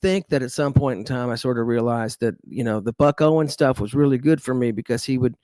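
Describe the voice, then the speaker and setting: This Dallas-born, middle-aged guest musician speaks with a Texan accent, rambling easily through a casual interview with fillers and restarts. His mid-range voice is darkish and fairly quick, and the recording is dry.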